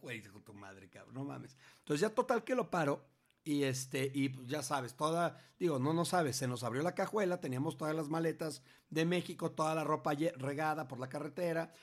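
Animated Mexican man telling a story. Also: on the high side, fairly quick. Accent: Mexican Spanish. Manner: animated, slangy, restarts and acts out quotes. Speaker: parent telling a story to his grown child. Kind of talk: casual storytelling conversation.

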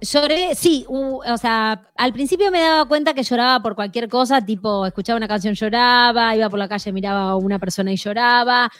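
A woman's voice: on the high side, a little fast, few pauses, fairly bright tone, clear, resonant tone, no room sound. Chatty woman in her thirties. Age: 30s. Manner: chatty, joking, self-mocking. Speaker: host. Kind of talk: casual chat with co-hosts.

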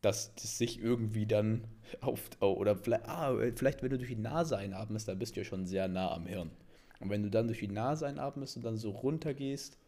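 Low-voiced guy on a podcast, warm dark sound, thinks out loud over a remote call. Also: fairly quick. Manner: musing, thinks aloud with restarts. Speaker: podcast co-host. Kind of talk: casual chat. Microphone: remote call recording.

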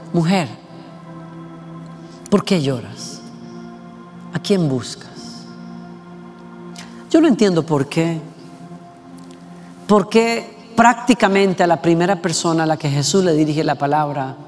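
A man preaching a sermon with passion, asking rhetorical questions and slowing down to stress words. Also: fairly high pitch, darkish tone. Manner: impassioned, rhetorical questions, slows for emphasis. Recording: long reverb with faint music.

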